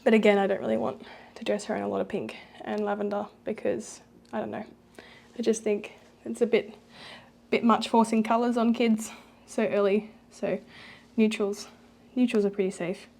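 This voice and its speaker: A woman's voice: medium pitch, flat delivery, normal speed, vocal fry, a little mellow. A young woman giving a casual, rambling walkthrough of her baby's nursery at home, with lots of fillers. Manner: chatty, rambling, many fillers. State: pregnant, with hiccups. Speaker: vlogger.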